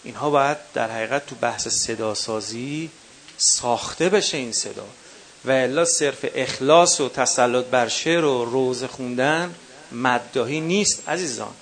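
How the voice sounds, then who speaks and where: A man's voice: medium pitch, a bit bright. A man with a Qom accent teaching a workshop for eulogy singers. He counts off numbered points and calls his listeners dear ones. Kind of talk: workshop lecture. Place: workshop session with a live audience.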